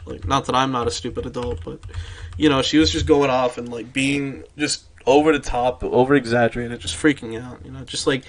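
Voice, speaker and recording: A tired young man chatting casually on a late-night stream. He rambles loosely, swears freely and restarts his sentences. His voice sits at an ordinary male pitch. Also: steady tone, fairly quick.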